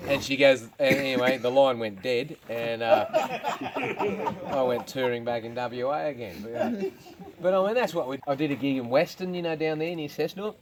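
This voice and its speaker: A man's voice: mid-range voice, moderate pace. Crude Australian man telling stories to a crowd. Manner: crude, swearing, laughs at own jokes. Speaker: stand-up comedian. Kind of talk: crude storytelling to a small crowd. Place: outdoors at a farm with a live audience.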